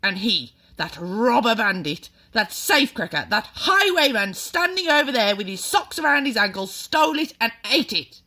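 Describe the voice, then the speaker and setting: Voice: mid-range voice, big pitch swings, moderate pace, hardly any pauses, voice pushed up, heavily acted. A reader voicing a furious, bullying headmistress who barks and screams insults at a boy. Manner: barking, shouting insults.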